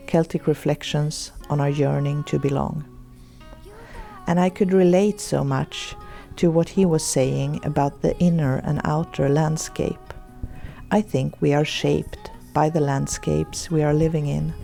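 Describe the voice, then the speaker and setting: A middle-aged woman, hosting a podcast and speaking her reflections slowly and thoughtfully, then reading from a book. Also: low-pitched, creaky. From Sweden. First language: Swedish. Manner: slow, thoughtful and gentle. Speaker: podcast host.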